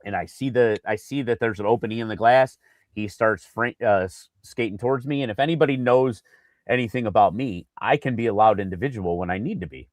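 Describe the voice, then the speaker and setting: A man's voice: lowish voice, a little fast, dry recording. Lage, droge man die een sportverhaal vertelt. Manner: animated storyteller, acts out quotes, many fillers. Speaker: podcast co-host. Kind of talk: casual sports podcast storytelling.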